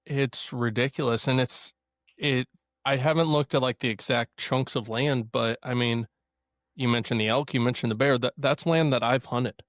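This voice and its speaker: A man's voice: mid-range voice, steady tone, moderate pace, a bit bright, no echo, clean studio sound. Chatty male guest, from Missouri. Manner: chatty, laughs easily, storytelling. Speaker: podcast guest. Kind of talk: casual conversation.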